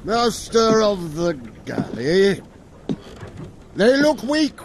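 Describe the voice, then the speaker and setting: Man playing a stern Roman tribune, slow delivery. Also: high-pitched, very animated, a little hiss or hum, heavily acted. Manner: authoritative, grave. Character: stern commanding Roman tribune, male, about fifty. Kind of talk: dramatic acting in an epic audio drama.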